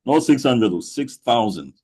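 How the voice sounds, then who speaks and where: A man with a baritone voice, hosting a casual webinar chat. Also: animated, unhurried, darkish tone, breathy edge. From Ghana. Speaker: webinar host and fellow voice actor. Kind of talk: casual reactions and questions.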